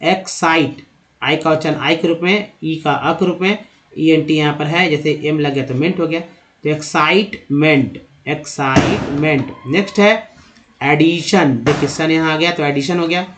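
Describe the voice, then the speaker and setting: A man, an English teacher giving a spoken phonics lesson, slowly spelling letters out and repeating each word for his viewers. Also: on the high side. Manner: slow, repeats words and letters while explaining; addresses viewers as friends, checks in often.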